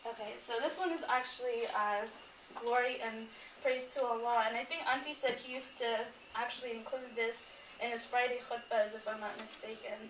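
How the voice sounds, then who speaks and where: At a memorial gathering, a woman with a slightly high voice recites poetry to the crowd at a moderate pace, keeping her tone steady, heartfelt and solemn. Some background noise comes through the roomy, far-off microphone.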